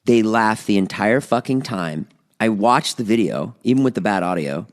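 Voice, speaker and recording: Podcast cohost guy, swings his pitch all over, swears a lot, exasperated. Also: moderate pace. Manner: animated, exasperated, swears freely. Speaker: podcast co-host. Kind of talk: casual podcast banter.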